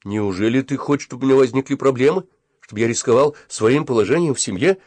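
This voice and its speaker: A man's voice: mid-range voice, no room sound, voice pushed up, natural voice. A man doing a smug scheming schoolboy. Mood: lecturing. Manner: drawn-out, quietly important. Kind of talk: audiobook character voice.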